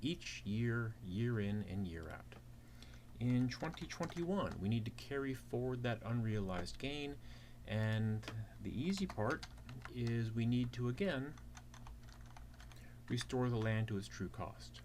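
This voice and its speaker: A man speaks slowly with a medium pitch and lively intonation. As a teaching assistant, he walks through a worked problem step by step, raising rhetorical questions while keyboard typing sounds in the clear background noise.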